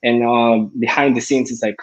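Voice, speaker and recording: A man speaking as a guest in a casual online discussion, friendly and a little halting. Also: medium pitch, fairly even intonation.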